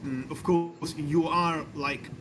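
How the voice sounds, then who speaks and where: A man's voice: a little high, fairly even intonation, slow, background noise. A man acting as game master, narrating a tabletop game over voice chat in a playful, teasing way and repeating words as he thinks.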